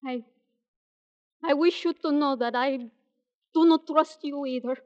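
A woman's voice: sits high, unhurried. A distrustful young Mexican woman. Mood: guarded. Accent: Mexican Spanish. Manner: blunt, guarded, broken English. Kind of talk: 1940s radio acting. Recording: dull lo-fi old radio broadcast.

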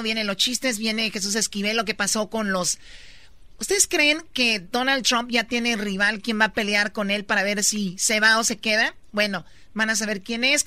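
A woman's voice: medium pitch, sharp tone, dry recording. A woman co-hosting a radio show, chatting through the coming segments. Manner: chatty, previews the show's segments. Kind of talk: radio show host chat.

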